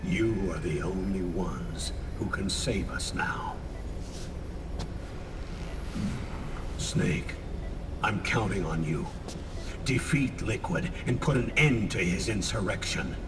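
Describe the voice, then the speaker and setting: A man's voice: low voice, animated, slow, in a large hall, far from the mic, background noise, full character voice. A man playing an older military commander who gives a grave, commanding mission briefing in a video game. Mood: grave, urgent.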